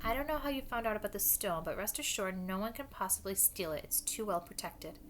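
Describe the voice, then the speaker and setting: A woman's voice: mid-range voice, animated, brisk, background noise, lightly acted. Woman doing strict old lady professor, clipped and cold, storybook read-aloud. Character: stern strict older female professor.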